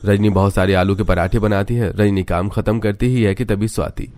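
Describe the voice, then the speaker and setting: A man with a fairly low voice reads a cartoon story aloud. His narration is steady and scripted throughout. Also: a little fast.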